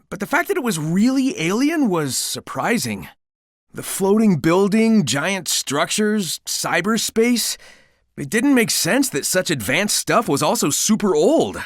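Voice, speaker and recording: Voicing a cocky, upbeat, caring young cartoon hedgehog hero from a video game, the male performer sounds musing here, casual, breezy and confident. His slightly high, youthful voice moves through lively pitch swings with heavily acted flair. It's a dry, close recording.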